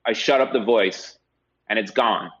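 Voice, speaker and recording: Heard through a dull, lo-fi recording, a man with a lowish, fairly bright and slightly breathy voice talks at a measured pace. He's a real estate agent guesting on a podcast, musing conversationally and frequently asking "right?".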